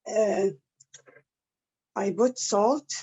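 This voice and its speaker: A woman from Iraq, talking through a cooking demonstration over a video call in careful, halting English. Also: mid-range voice, fairly even intonation, dark tone, husky. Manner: slow, halting, careful English with many pauses. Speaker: cooking class presenter. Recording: muffled video call audio.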